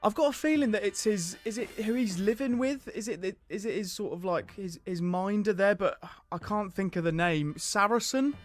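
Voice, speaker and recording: A male radio host with a notably high voice chats casually through a quiz. He is self-deprecating and hesitant, with light music playing beneath him. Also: moderate pace, few pauses.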